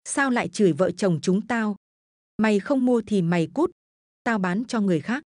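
A woman's voice: medium pitch, animated, moderate pace, a little mellow, no room sound, clean studio sound, close to an everyday voice. A woman doing a spiteful, foul-mouthed village wife. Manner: bitter, snapping.

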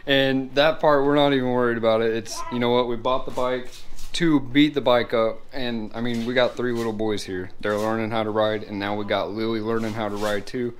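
A man's voice: medium pitch, steady tone, fairly quick. A man in his thirties chatting casually to viewers in a vlog, laughing often and upbeat. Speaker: vlogger. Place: outdoors in a grassy yard, then indoors in a kitchen.

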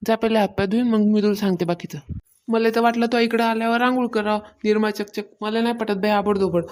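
A fast-talking woman with a medium-pitched, darkish voice keeps her intonation fairly even in a lightly acted performance. She's voicing a bossy, stingy, self-important mistress of the house who nags in colloquial Varhadi Marathi, accented from rural Maharashtra, in a cartoon comedy.

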